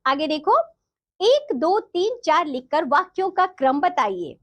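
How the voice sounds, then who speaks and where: Woman teacher, high lively pitch, patient and repetitive while walking kids through a workbook. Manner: explains slowly and repeats answers to children. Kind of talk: textbook lesson for children.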